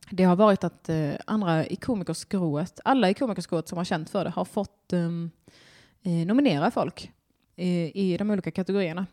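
A woman comedian hosting a casual live-streamed podcast, rambling and self-mocking as she chats. Her voice sits fairly low for a woman. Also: mellow. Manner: chatty, rambling, self-deprecating, reads chat aloud.

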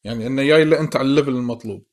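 A man's voice: medium pitch, rapid-fire, a little mellow. A man with a Gulf Arabic accent hosting a casual chat and asking long, rambling questions. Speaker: host.

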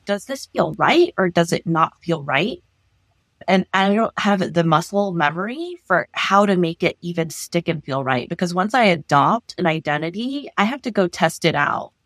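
Woman therapist from Los Angeles, lowish voice, dry close sound, animated, restarts sentences. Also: moderate pace, dry recording. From Los Angeles, United States. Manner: animated, thinks aloud with frequent restarts. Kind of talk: conversational interview.

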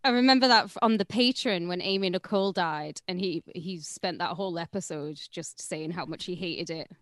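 A woman's voice: lowish voice, normal speed, fairly bright tone, dry recording, clean studio sound. A woman co-hosting a podcast, chatting casually with teasing asides. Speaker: podcast co-host.

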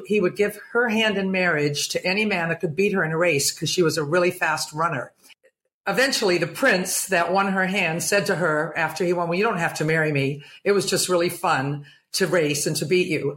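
Her pitch is fairly low and her tone fairly bright. She's an English-born woman in her seventies who has lived in the United States for years, a retired nurse recounting her own stories in an interview.

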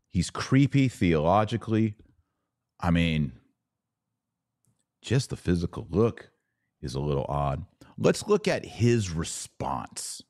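A man with a low, slightly mellow voice hosts a podcast of opinionated commentary, reading aloud and reacting with mocking, sarcastic emphasis. The sound is clean studio audio with no room sound.

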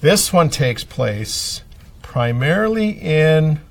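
A man's voice: fairly high pitch, big pitch swings, slow pace, gravelly, no echo, distant mic. A man speaking as a librarian guest in a casual radio chat, hesitant with frequent ums as he lists book titles.

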